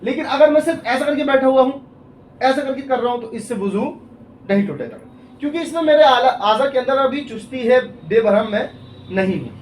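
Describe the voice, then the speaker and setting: High-voiced man teaching religious rules. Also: expressive. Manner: explains step by step, often checks "ٹھیک ہے؟"; gives worked examples. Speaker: Islamic scholar (mufti). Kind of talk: religious Q&A explanation. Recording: echoey room, mic far off, faint ambient noise.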